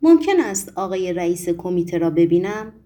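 A woman's voice: lowish voice, big pitch swings, dark tone. A woman voicing a polite but pushy middle-aged male economist in an audiobook. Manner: formal, insistent questioning.

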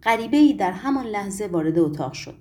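A woman narrating a novel as an audiobook, with expressive storytelling. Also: mid-range voice.

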